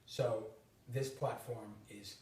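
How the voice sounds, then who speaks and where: A man's voice: fairly low pitch, slow pace. 30s boston guy chatting away, lots of restarts, mic far off in a roomy space. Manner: animated, laughing, many restarts. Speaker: host. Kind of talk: casual chat. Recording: echoey room from far off.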